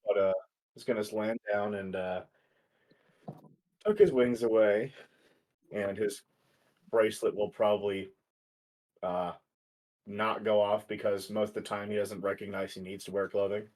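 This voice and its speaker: A man's voice: on the low side, flat delivery, a little slow, long pauses, darkish tone. A man playing a tabletop role-play, describing his character's actions in a casual way. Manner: describing his character's moves in third person. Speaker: player.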